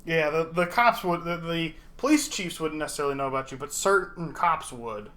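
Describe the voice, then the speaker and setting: A man's voice: fairly high pitch, moderate pace. Casual man running a tabletop game. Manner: relaxed, thinking aloud with restarts. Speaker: game master.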